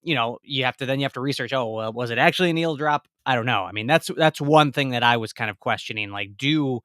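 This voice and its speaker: Guy co-hosting a podcast, smooth clear voice, dry sound, casual and figuring it out as he talks. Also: medium pitch, fast, a bit bright, no echo. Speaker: podcast co-host and guest.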